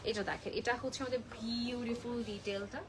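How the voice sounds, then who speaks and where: A young woman, a little unwell, chattily pitching clothes on a live shopping stream and mixing in English phrases. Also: steady tone, brisk, a crowd in the background. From Bangladesh. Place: clothing shop.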